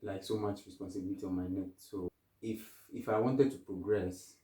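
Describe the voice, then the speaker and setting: A man's voice: sits low, fairly even intonation, normal speed, warm tone, reverberant, recorded from a distance, poor audio. A young man from Ghana, a guest in a casual interview, answering thoughtfully with many restarts.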